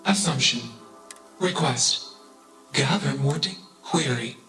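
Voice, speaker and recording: A man voicing an emotionless, coldly logical machine intelligence in a video game, speaking in flat, clipped statements that each begin with a label. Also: medium pitch, slow. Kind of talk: video game cutscene voice acting. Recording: echoey game audio over music.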